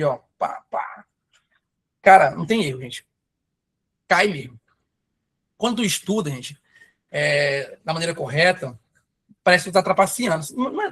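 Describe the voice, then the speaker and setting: Man, high voice, chatty exam-prep math teacher, live class. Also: expressive, normal speed, pauses often, a bit bright. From Pará, Brazil. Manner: chatty, enthusiastic, storytelling asides. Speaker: math teacher for civil service exams.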